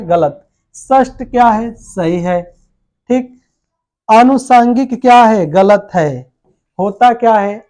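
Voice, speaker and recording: Male coaching-class teacher with a high voice who quizzes and answers himself and spells words out slowly. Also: dark tone. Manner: asks a question, then answers it in a falling voice. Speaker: Hindi teacher. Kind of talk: exam coaching lesson.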